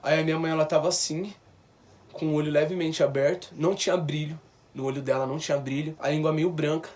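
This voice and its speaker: A young man with a Brazilian accent telling a personal story in a vlog. He talks in a lively, slangy way and acts out what people said. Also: fairly high pitch, fast. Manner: animated, slangy, acts out quoted dialogue. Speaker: YouTuber.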